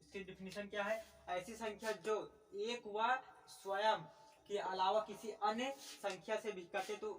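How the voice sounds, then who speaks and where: A man teaching a maths lesson, asking questions and answering them himself, slowing down to dictate definitions. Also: sits high, level tone, distant mic. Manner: repetitive, asks and answers his own questions; slow dictation while writing definitions.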